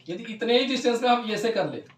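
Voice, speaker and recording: A male teacher with a very high voice, lecturing a class, who keeps asking questions and answering them himself. He reads definitions out slowly and repeats his key words. He sounds set back from the mic in an echoey room. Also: expressive, far from the mic. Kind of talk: Hindi physics class lecture.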